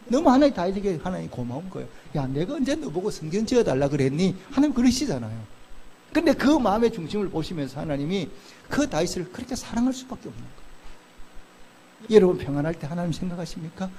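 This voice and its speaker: This pastor's sermon alternates between loud exclamations and soft, slow murmurs as he poses questions to the congregation and answers them himself. He has a high-pitched voice.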